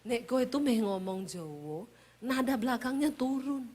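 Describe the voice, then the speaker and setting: A woman voicing a mild-mannered Javanese husband from Solo, speaking low and quiet with falling endings. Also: expressive, moderate pace. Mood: instructing. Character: soft-spoken mild Javanese husband, man.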